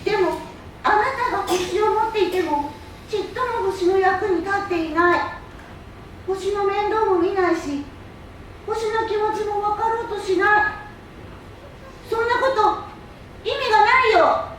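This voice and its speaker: A woman playing an earnest, curious young boy in a theatrical staged reading. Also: very high-pitched. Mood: reproachful. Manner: deliberate, expressive storytelling with wondering questions. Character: little prince, earnest, curious young boy from a tiny planet. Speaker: stage reader. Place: public hall stage. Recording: distant mic in echoey hall, faint noise.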